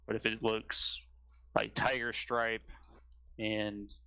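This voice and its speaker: Gravelly man pressing questions in voice chat. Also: lowish voice, little pitch movement, slow, sharp tone, rough recording. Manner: questioning, stammers on restarts. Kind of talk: casual voice chat.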